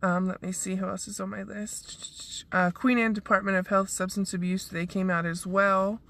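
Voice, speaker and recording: A woman's voice: mid-range voice, level tone, moderate pace, a bit bright. A woman who is losing her voice, casually recapping her event and thanking sponsors with lots of ums. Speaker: event organizer. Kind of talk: casual live video recap.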